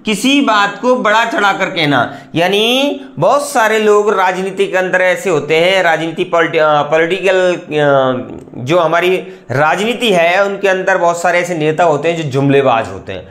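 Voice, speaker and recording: A man's voice: sits high, animated, unhurried, few pauses, fairly bright tone, reverberant. A man hosting an online English class, explaining in a chatty way with rhetorical questions and lots of repetition. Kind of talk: explaining lesson.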